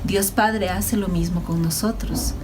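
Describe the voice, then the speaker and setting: A woman's voice: lowish voice, a little slow, noisy background. A woman teaching a Sunday school lesson, speaking animatedly to children. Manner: warm, animated, addresses children.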